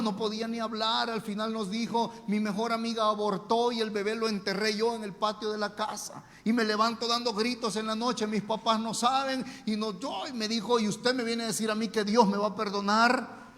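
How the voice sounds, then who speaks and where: Preacher man, high voice, echoing hall. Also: fairly bright tone. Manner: storytelling, emphatic with dramatic pauses. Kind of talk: sermon.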